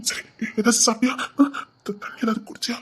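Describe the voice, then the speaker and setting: A woman acting out a frantic, pleading husband in a homemade drama, with a husky, high voice and a Tirunelveli Tamil accent. He keeps repeating himself. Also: level tone, brisk, a bit bright. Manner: pleading, repeats words over and over.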